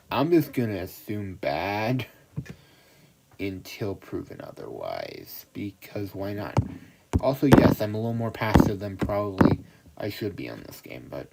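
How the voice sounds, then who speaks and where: A man's voice: lowish voice, sing-song, normal speed. A young man chatting casually to himself on a livestream, rambling and self-deprecating. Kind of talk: casual solo stream chatter. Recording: loud background noise.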